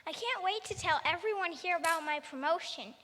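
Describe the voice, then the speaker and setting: A woman's voice: extremely high pitch, a little fast, bright, forceful tone, long reverb tail, a little hiss or hum. A woman voicing a short, pompous male tax collector in a cartoon, boastful and self-important. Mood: smug. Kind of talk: cartoon acting.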